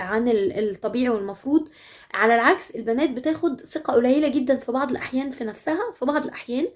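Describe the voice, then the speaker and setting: An Egyptian woman coaches mothers in a brisk, earnest monologue. Her voice sits a little high, and the words pour out very quickly. She speaks plainly and directly, like a practiced advisor. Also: darkish tone. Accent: Egyptian Arabic. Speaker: parenting advice host.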